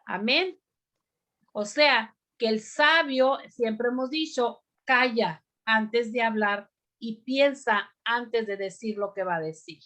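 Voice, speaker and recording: A woman teaching a bible lesson to a women's group, speaking deliberately and often pausing on "amén" to ask her listeners questions. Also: on the high side, fairly bright tone.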